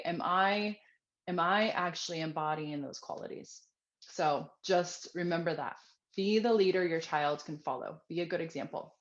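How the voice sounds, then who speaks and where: A woman's voice: lowish voice, lo-fi sound. A woman parenting coach giving tips straight to camera, earnest and conversational, with easy fillers. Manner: earnest, conversational, with frequent fillers and acted-out quotes.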